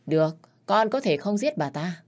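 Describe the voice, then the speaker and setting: A woman's voice: lowish voice, sing-song, normal speed, a little mellow. A woman reading the lines of an aging male crime boss who is a father, commanding in tone. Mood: stern.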